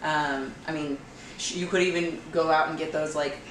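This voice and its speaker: A woman's voice: sits low, fairly even intonation, moderate pace. A woman co-hosting a home candy-making tutorial, chatting casually with lots of fillers while she works. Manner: chatty, filler-heavy, laughs often. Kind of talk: casual cooking demonstration. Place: home kitchen. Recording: echoey kitchen, far from mic, noisy.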